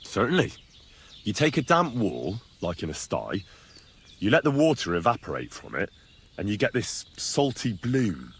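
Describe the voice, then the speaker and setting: A man's voice: lowish voice, huge pitch swings, moderate pace, slightly rough, exaggerated voice. An actor voicing a terse young male swordsman in video game dialogue, with blunt, dry replies.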